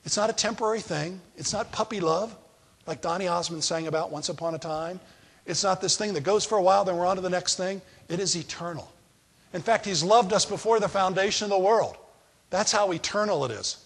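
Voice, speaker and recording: A man's voice: a little high, fairly bright tone, breathy edge. A man preaching a sermon as a pastor, talking in a conversational way and asking the congregation questions.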